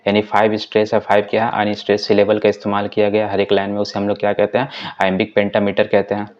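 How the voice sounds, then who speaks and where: A man teaching an exam-prep lesson, asking and answering his own questions and reading quiz items aloud slowly. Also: lowish voice, a little mellow. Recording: dull lo-fi audio.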